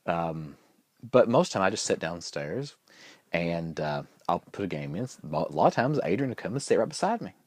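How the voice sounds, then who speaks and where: A man's voice: deep voice, very animated, moderate pace, darkish tone, husky, no echo, studio quality. A man vlogging in a chatty, good-humored way, telling a story with lots of restarts and fillers. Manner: rambling, with frequent restarts and fillers. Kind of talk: casual storytelling vlog.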